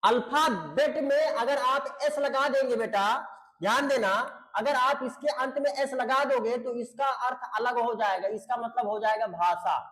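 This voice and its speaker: Speaking a little slowly in an extremely high, somewhat bright voice, a man gives an online English grammar lecture in a roomy-sounding space. He is patient, goes over points again, makes sure students keep up, and addresses them as beta and babu.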